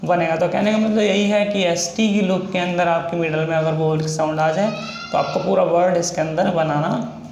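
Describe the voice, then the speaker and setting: A man with a Hindi accent, a shorthand teacher, explaining a lesson and slowly spelling out example words one by one. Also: fairly high pitch, darkish tone. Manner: slow, repetitive, drawn-out spelling of example words. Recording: echoey room with faint noise.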